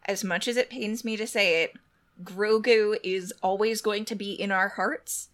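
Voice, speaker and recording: Relaxed woman co-hosting a chat. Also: mid-range voice, measured pace. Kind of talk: casual chat.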